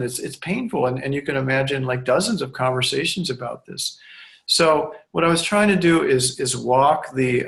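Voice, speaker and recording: Man, couples counselor, unscripted teaching talk, thoughtful, many restarts, mid-pitched voice. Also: fairly bright tone. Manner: thoughtful, restarts often, acts out quoted clients.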